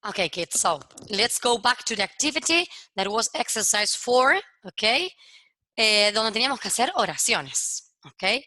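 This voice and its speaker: Bright woman teacher, walks kids through english verb endings one by one, keeps asking ok?, dry close sound. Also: a little high, very animated, measured pace, no room sound. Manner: explains step by step, checks in with "¿ok?" after each point; switches between Spanish explanation and English examples. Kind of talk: recorded grammar lesson for kids.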